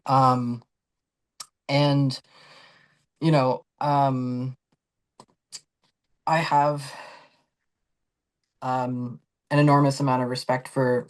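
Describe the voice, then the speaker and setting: An earnest speaker gives a measured tribute over a video call. The delivery is flat and even in pitch, broken by hesitant fillers. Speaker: former parishioner giving a tribute. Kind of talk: prepared tribute in a webinar.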